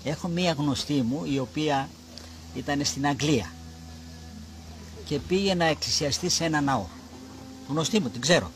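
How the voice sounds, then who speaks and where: A man giving a religious talk, telling a story in an animated way and acting out shouted quotes. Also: a little high, slight background noise. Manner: slows and rises in emphatic exhortation.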